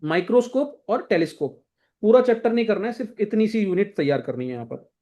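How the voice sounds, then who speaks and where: A man's voice: sits high, lively intonation, fast, warm tone. A young man coaching students for an exam, going through textbook chapters in a casual, directive way and often checking in with his listeners. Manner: casual, directive, repeats "thik hai" to check in. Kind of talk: exam-prep lesson walking through a textbook.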